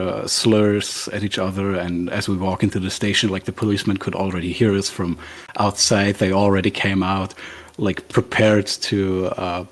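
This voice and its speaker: A young man with a husky voice, casually telling a personal story in informal speech. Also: deep voice. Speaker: viewer telling a story on a call-in show.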